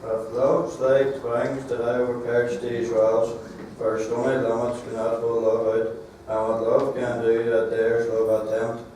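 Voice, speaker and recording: Romeo, a man playing ardent, very echoey, even-toned. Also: mid-range voice, a little slow, lightly acted. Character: ardent young Romeo in a stage tragedy. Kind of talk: classical stage acting, Shakespearean verse. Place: theatre stage, recorded from afar. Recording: distant echoey hall, faint noise.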